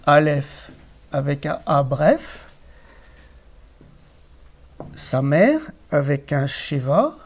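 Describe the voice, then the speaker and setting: A teacher walks a class slowly through biblical Hebrew words, patient and methodical, pausing on fillers. The sound is muffled and lo-fi, like a basic classroom recording. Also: mid-range voice, a little mellow. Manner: patient, explaining step by step with fillers. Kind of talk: classroom Bible Hebrew lesson.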